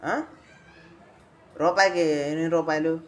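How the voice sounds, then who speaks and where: A man's voice: on the high side, steady tone, slow. A man quizzing a young boy in a casual way, coaxing him along and repeating his answers back, then dictating lines phrase by phrase for the boy to repeat.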